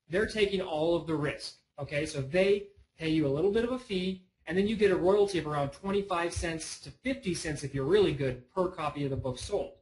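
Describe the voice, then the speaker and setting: A man's voice: sits high, a little mellow, low-quality recording. A man presenting a casual online lesson, chatty and rambling, often breaking off on side notes. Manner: rambling, chatty, self-interrupting.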